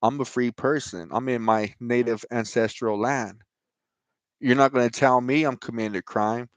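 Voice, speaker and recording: Steady in tone and moderate in pace, this mid-range male voice comes through a dry recording. He's an American running his own online show, speaking casually and forcefully on scripture and what bothers him, often tossing in "right?" and "you know."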